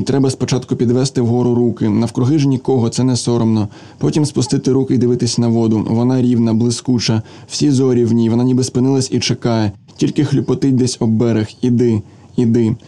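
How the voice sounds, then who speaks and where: A man voicing a feverish, distraught young woman who was abandoned, speaking softly and half-whispered. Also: mid-range voice, flat delivery, a little fast, lightly acted. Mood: feverish, dreamy. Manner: soft, breathless, half-whispered.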